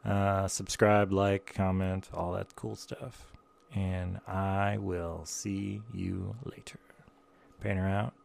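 A man speaks as a gentle podcast meditation guide, soft and soothing. His delivery is slow and very even in tone, with a deeply creaky texture. He leaves calm pauses between short reflective phrases. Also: slight background noise. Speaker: podcast host.

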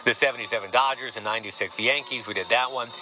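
A man's voice: mid-range voice, fast, bright, forceful tone, poor audio. A man hosting a sports podcast, with a wry, joking delivery. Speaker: podcast host. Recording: music playing behind the voice.

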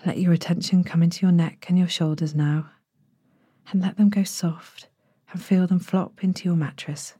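A woman speaks as a sleep story narrator, leading a bedtime relaxation. Her voice is lowish and very mellow, with a soft, breathy edge that slips toward a whisper. She gives each instruction gently and without hurry. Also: fairly even intonation, no room sound, clean studio sound. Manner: gentle, soothing, unhurried instructions. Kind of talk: guided bedtime body-scan meditation, sleep story narrator delivery.

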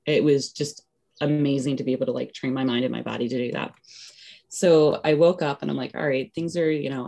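Low, gravelly-voiced woman telling a story. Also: warm tone. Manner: chatty, full of "like" and "you know" fillers; acts out her own past remarks in quotes. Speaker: interview guest. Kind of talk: casual storytelling.

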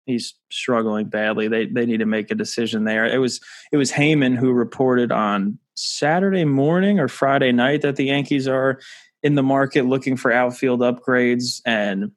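A man's voice: medium pitch, moderate pace. Man chatting baseball on a podcast. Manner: relaxed, chatty, frequent restarts. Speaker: podcast co-host. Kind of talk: casual sports podcast chat.

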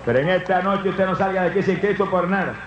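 A man preaching a fervent revival sermon to a congregation, breaking into loud shouts of praise. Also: high-pitched, fast talker, slight background noise. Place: church hall. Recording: echoey, dull lo-fi church recording.

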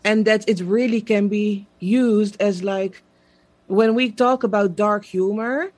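A Dutch woman from the Netherlands, a native speaker with a Dutch accent, chats casually as an interview guest who creates a social media page. Her mid-range voice is steady and darkish, and she takes things slowly, with many fillers and easy laughs.

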